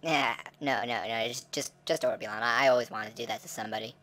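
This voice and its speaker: A man's voice: medium pitch, steady tone, quick pace, pushed and bright, close to an everyday voice. Man voicing a laid-back alien ex-conqueror. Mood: easygoing.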